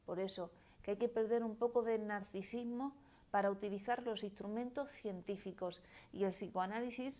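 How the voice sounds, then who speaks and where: A woman in her forties with a Málaga accent explains ideas on a live stream, reading out viewers' comments and answering them. Her pitch sits in a middle range. She talks in an explanatory way, often tagging her points with a questioning "¿no?". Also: darkish tone. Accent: Spanish from Málaga. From Spain. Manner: explanatory, tags phrases with questioning "¿no?". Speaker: psychoanalyst.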